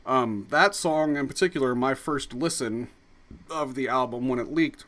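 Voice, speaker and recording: A man's voice: medium pitch, moderate pace, a bit bright. A young man hosting a casual chat in a small home studio, rambling with many fillers and restarts. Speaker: podcast host.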